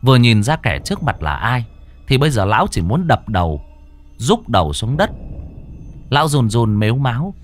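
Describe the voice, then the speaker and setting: A man narrating a ghost story in a dramatic, expressive way. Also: mid-range voice, moderate pace, slight background noise.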